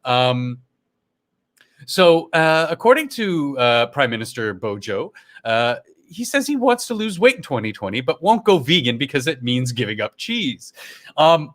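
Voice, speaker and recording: Animated middle-aged man ranting casually. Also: medium pitch. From Canada. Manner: animated, swears and laughs at the news. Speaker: livestream co-host. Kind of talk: casual live-stream commentary. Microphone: earphones on a home streaming setup.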